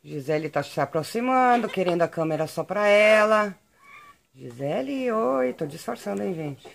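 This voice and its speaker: A woman's voice: medium pitch, lively intonation, moderate pace, gravelly, slight background noise. A Brazilian woman with a Brazilian Portuguese accent filming her backyard birds and pets. She talks to the animals in sing-song baby talk. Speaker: animal channel vlogger. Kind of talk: casual vlog talking to pets. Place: outdoors in a backyard with chickens.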